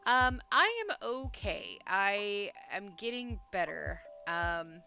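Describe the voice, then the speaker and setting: Hosting a crochet livestream, this woman talks casually and slowly in a medium-pitched voice that is gravelly yet bright and clean, forceful, with big pitch swings. Her words come out slightly impeded through sinus congestion and a sore, swollen mouth. Faint music sits in the dull, lo-fi recording.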